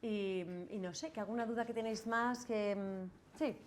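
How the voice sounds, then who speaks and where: A woman's voice: a little high, steady tone, moderate pace. Brief: middle-aged Spanish woman, lawyer lecturing a class, conversational, faint room noise. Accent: Spanish from Spain. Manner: chatty, asks "¿vale?" and "¿no?" often, acts out quoted voices. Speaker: lawyer giving a masterclass. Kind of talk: lecture to students with Q&A.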